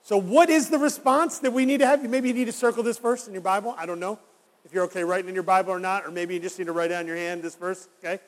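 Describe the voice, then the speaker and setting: A man's voice: high voice, fairly even intonation, quick pace, big-room sound. A man preaching a sermon as a pastor, talking conversationally and putting rhetorical questions to his congregation.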